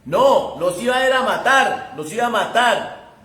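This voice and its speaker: A man's voice: sits high, lively intonation, unhurried, bright, forceful tone. A man preaching a sermon in a conversational, emphatic way, speaking straight to his listener. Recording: echoey room.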